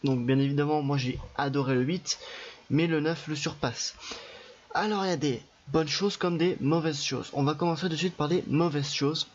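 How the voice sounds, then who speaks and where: A man's voice: on the high side, moderate pace. A young man giving a casual video film review, chatty and loose, with many fillers and restarts. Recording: dull lo-fi recording with faint music behind.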